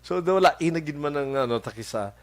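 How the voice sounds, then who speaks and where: A man hosting a local radio show with a Hiligaynon accent, chatting casually and greeting listeners by name, halting with many fillers and chuckles. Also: a little high, lively intonation. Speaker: radio host. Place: radio studio.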